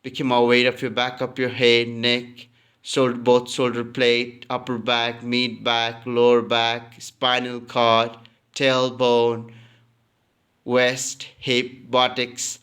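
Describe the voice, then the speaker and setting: In a steady, almost monotone voice that is very smooth and resonant, a man teaching yoga nidra leads a relaxation session. He gives unhurried, calm instructions and frequently repeats a phrase.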